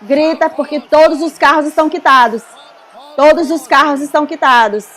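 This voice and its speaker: A woman interpreting a preacher's sermon, with fervent, repeated shouted exhortations. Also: high-pitched, moderate pace. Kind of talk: live interpretation of a fiery sermon.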